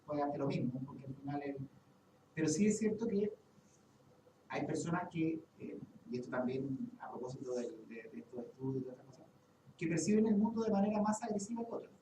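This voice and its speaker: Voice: medium pitch, animated, brisk. Participant, mid voice, rambling restarts; far off in echoey, hissy room. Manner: thinks aloud with many restarts. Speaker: workshop participant. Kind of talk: group discussion. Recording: echoey room, far from the mic, audible hiss.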